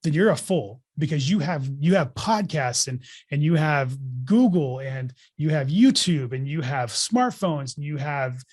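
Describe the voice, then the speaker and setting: Speaking unhurriedly with few pauses, this podcast guest in his forties has an animated, slightly high and a little mellow voice. The real estate investor gives emphatic, blunt motivational advice in interview, peppered with casual swearing.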